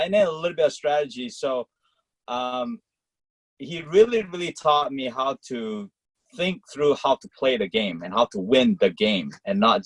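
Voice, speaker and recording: A man's voice: medium pitch, slightly rough, no room sound, low-quality recording. Malaysian-born man coach, dry sound. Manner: talks in quick rambling clauses with many fillers. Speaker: college tennis coach. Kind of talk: casual interview answers.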